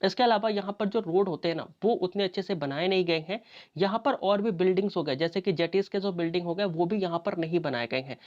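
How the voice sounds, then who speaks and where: A woman's voice: on the low side, darkish tone. A woman teaching an exam-prep lecture, talking conversationally and asking and answering her own questions. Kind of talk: explanatory lecture. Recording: dull lo-fi audio.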